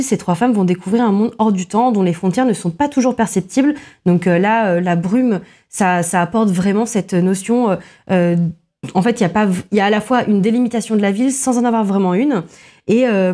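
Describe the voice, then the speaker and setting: A woman in a film podcast, analysing a horror movie in casual chat, with frequent filler pauses and restarts. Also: mid-range voice, dark tone. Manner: many filler pauses, restarts, self-deprecating asides.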